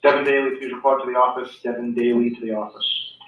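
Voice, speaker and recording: A man's announcement comes through a school intercom, brisk and flat in tone. It sounds distant and very echoey, with a dull, lo-fi loudspeaker quality and a faint hiss behind it. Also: mid-range voice. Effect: school intercom announcement over a loudspeaker. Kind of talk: public address announcement.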